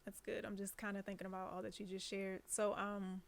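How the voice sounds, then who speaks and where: A woman hosting an interview, listening closely and asking slow, thoughtful questions. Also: mid-range voice, creaky, slight background noise. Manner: soft, steady back-channel listener, asks slow thoughtful questions. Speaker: podcast host.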